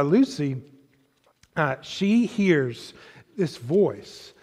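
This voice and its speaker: A man preaching in a church sanctuary, taking his time and pausing between phrases as he tells a story. His voice sits fairly high and trails into a long hall echo. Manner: slow, deliberate, storytelling with pauses. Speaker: pastor. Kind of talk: sermon.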